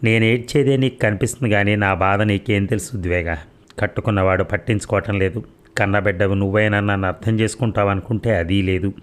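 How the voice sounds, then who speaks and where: A man's voice: on the low side, fairly even intonation, brisk, lightly acted. A man voicing a defensive, self-pitying middle-aged mother who complains plaintively in a read audio story.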